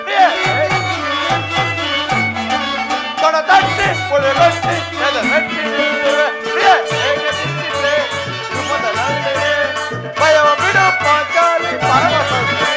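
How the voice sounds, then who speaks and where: A man playing the warrior prince Bhima, a devoted husband, singing verses and declaiming stage dialogue in a village mythological play. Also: extremely high pitch. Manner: slow drawn-out singing, loud theatrical declamation. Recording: live stage recording with loud music.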